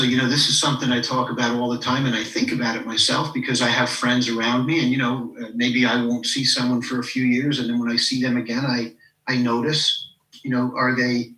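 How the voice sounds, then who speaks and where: Recorded from a distance in a roomy space, the rough audio captures a coach in his fifties with a sharp-toned, mid-range voice. As a podcast guest in a casual interview, he reflects on personal stories, leans heavily on "you know," and performs the voices of people he quotes.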